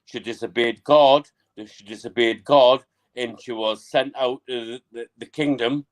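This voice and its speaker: A man's voice: mid-range voice, steady tone, unhurried. A man on an online call who rambles and repeats himself, with his audio breaking up and cutting in and out. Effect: choppy internet audio, cutting in and out. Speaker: caller on a livestream. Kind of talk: casual online call chat. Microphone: online call microphone.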